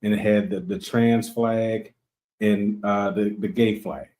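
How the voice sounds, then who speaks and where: A man's voice: lowish voice, fairly even intonation, slow pace, darkish tone. A man co-hosting a podcast, telling a story in casual chat and acting out the dialogue over a remote call. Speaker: podcast co-host.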